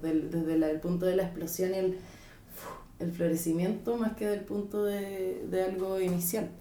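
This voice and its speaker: A woman's voice: medium pitch, dark tone, distant mic, slight background noise. Reflective Chilean woman in an echoey room. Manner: reflective, searching for words. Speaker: podcast guest. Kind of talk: casual chat.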